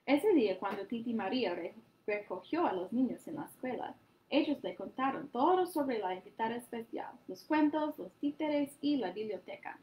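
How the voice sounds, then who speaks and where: Woman storyteller, animated, fairly high voice, children's story reading. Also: moderate pace, muffled recording, slight background noise. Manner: animated, addresses young listeners. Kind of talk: reading a picture book aloud to children.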